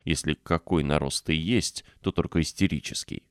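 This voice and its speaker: A fiercely scolding, stubborn little girl, as a man reads her in an audiobook. The voice stays low and deep, with a dry, close sound and no room around it. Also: normal speed, clear, resonant tone, no room sound. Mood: furious.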